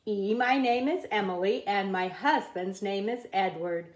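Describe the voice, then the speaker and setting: A woman reading a children's picture book aloud at a table, in a slow, careful read-aloud cadence. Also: medium pitch, reverberant, a little hiss or hum. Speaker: reader. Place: indoors at a wooden table.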